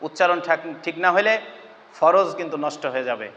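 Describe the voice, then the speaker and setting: A man from Bangladesh giving a religious lesson, repeating and drilling each sound slowly and emphatically. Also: fairly high pitch, bright, forceful tone. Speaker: Islamic teacher. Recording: dull lo-fi sound with long reverb.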